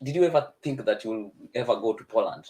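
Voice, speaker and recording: A man hosting a live interview on a video call, talking in a halting way with many fillers. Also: lowish voice, expressive, dark tone, poor audio. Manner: hesitant, many fillers and restarts. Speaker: host.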